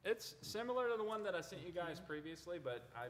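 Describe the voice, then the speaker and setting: A man's voice: high-pitched, sing-song, fast. A man presenting a city budget in a tired, conversational way. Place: city council chamber. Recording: long reverb in council chamber.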